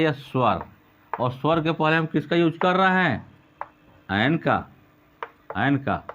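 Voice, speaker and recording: Guy teaching grammar, fairly high voice, keeps asking then answering his own questions, dull lo-fi sound. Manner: asks questions and answers them himself; repeats words slowly for emphasis. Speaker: English teacher. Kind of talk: lecture. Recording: dull lo-fi recording.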